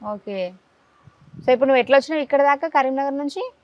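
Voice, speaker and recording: A woman interviewing a child in a casual chat, coaxing answers out of them with quick questions. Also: sits high, a little hiss or hum. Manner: coaxing, rapid-fire questions. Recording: dull lo-fi dry sound.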